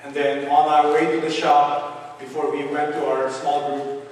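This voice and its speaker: A man preaching a sermon as pastor, telling a story from his week in an animated way. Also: a little high, a little slow. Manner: storytelling, animated when retelling quarrels. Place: church hall. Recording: echoey church hall from far off.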